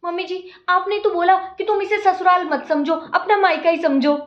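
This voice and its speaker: A woman's voice: very high-pitched, steady tone, moderate pace. A woman playing a cheeky young daughter-in-law in a home-made comedy skit, whining and talking back with mock innocence. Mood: sassy. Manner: whiny, sassy, talks back with mock innocence. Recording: roomy, slightly dull home video audio.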